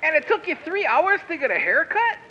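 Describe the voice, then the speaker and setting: A man's voice: extremely high pitch, wildly swooping pitch, fairly quick, full character voice. A man playing a fussy, flustered party host. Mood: exasperated. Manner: fretful and exasperated. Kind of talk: 1940s radio acting. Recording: muffled lo-fi sound with loud background noise.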